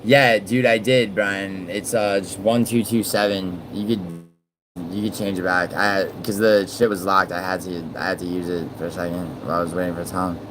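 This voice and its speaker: Born in Italy and raised in New York, a deep-voiced man hosts a casual livestream, reading viewer messages at a moderate pace with little pitch movement. He swears often, rambles, and trails off mid-sentence, with background noise audible.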